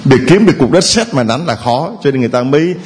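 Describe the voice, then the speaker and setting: A man's voice: mid-range voice, animated, quick pace. A man preaching a homily who keeps a playful tone, quizzing the congregation with questions and chuckling between points. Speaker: priest.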